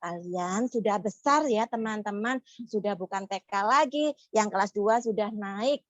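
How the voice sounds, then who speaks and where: A young woman telling stories to young schoolchildren, slow, animated and coaxing. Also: medium pitch, no echo. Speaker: children's storyteller. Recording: slightly muffled, dry sound.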